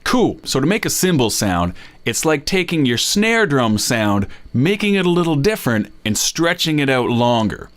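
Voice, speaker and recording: A man at an ordinary middle pitch teaches beatboxing to kids in a playful instructional video. His voice swings widely up and down as he jokes and explains. He breaks into vocal drum sounds between explanations. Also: sing-song, normal speed, fairly bright tone.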